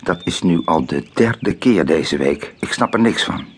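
A man voicing a patient, caring young mother in a children's storybook, speaking gently and soothingly. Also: deep voice, animated, unhurried, husky, full character voice. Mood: puzzled. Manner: gentle, soothing, calls out loud when searching. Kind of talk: storybook character voice.

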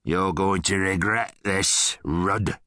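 Man putting on a gruff hammerhead guard. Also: sits low, steady tone, slow pace, sharp tone, no room sound, studio quality, full character voice. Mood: menacing taunts. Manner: gruff, growling, taunting. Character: gruff bullying male hammerhead mine guard.

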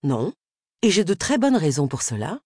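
A woman voicing a confident, flattering male hairdresser in an audiobook, in a lowered, self-assured voice. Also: moderate pace, no room sound, clean studio sound.

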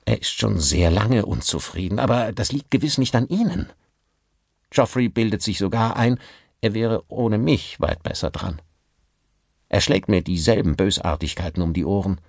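Guy voicing a meek little ventriloquist, sorry sir, sorry, gravelly low voice. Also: expressive, normal speed, no room sound, clean studio sound. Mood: submissive. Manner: submissive, pleading. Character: meek, apologetic male ventriloquist.

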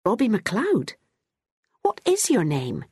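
A woman's voice: medium pitch, huge pitch swings, takes it slowly, dark tone, husky, no room sound, studio quality, pitched above the performer's own voice, exaggerated voice. A woman reading an audiobook, voicing a slightly drunk woman who keeps asking questions. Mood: curious.

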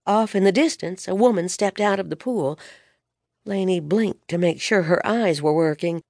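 A woman reading a romance audiobook in scripted narration, expressive storytelling on a close studio mic. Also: on the low side, moderate pace, no echo.

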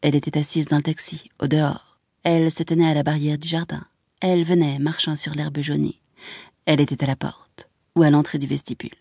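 Low, mellow woman reading an audiobook. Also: gravelly, breathy edge, no room sound, clean studio sound. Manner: measured, expressive reading. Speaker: audiobook narrator. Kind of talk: scripted literary narration.

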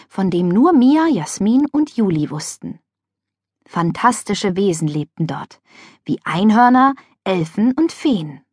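A woman reading a children's audiobook with lively, expressive storytelling on a close studio mic. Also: mid-range voice, breathy edge, no room sound. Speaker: audiobook narrator. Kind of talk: scripted children's audiobook narration.

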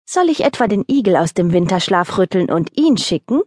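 A woman's voice: medium pitch, sing-song, fairly quick, darkish tone, no echo, clean studio sound. A woman voicing a bossy female mother hare who scolds her husband in a children's audiobook. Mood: scolding. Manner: scolding, insistent.

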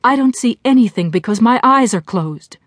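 A woman's voice: medium pitch, slow, a little mellow, no room sound, studio quality, lightly acted. A woman voicing a meek, trembling wife. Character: frightened, meek middle-aged wife.

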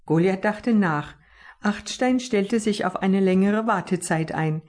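A woman's voice: medium pitch, unhurried, darkish tone. A woman reading her own children's book aloud as an audiobook.

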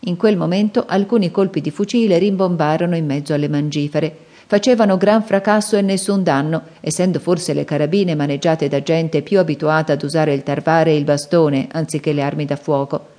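A woman narrates an adventure novel for an audiobook. Her voice sits low and sounds dark and mellow. The reading is measured and expressive. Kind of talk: scripted narration.

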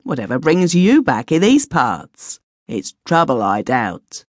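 A woman's voice: a bass voice, big pitch swings, measured pace, darkish tone, no echo, clean studio sound, full character voice. A woman voicing a lonely old widowed grandfather in a storybook, speaking in rustic country dialect. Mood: gloomy. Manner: rustic country dialect, gloomy then wondering.

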